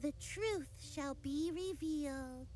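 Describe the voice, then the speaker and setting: High-voiced child oracle, grand goddess voice. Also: female voice, slow, darkish tone. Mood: mystical, theatrical. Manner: grand goddess-like oracle speech, archaic and theatrical. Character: young girl fortune teller putting on a lofty oracle act. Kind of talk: video game voice acting. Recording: music playing behind the voice.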